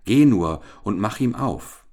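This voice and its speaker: A man voicing a fatherly king in a children's fairy tale, speaking calmly and firmly. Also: fairly low pitch, slow, voice pushed up. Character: kindly stern old king, a father.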